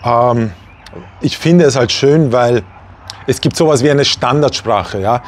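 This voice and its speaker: A man in his forties from Vienna, speaking standard German without a regional accent, talking casually to camera as a language teacher, animated and full of fillers and asides. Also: mid-range voice, measured pace, a little hiss or hum. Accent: standard High German, no regional accent. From Vienna, Austria. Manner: animated, gestures a lot, many fillers and asides. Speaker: language teacher and channel host. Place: small room indoors.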